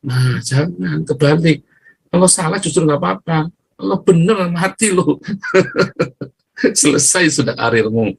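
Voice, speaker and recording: A man preaching in a loose, conversational way, with a slightly husky voice. He tells stories, acts out the people he quotes and laughs often between points. The sound is close and dry. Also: on the high side, animated, a little slow, dry recording, low-quality recording. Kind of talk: informal sermon.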